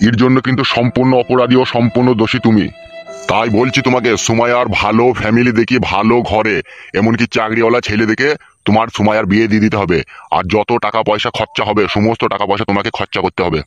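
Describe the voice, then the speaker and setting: A man's voice: lowish voice, flat delivery, fast, muffled recording, faint music behind, lightly acted. A man voicing a stern village elder in a cartoon, lecturing and threatening.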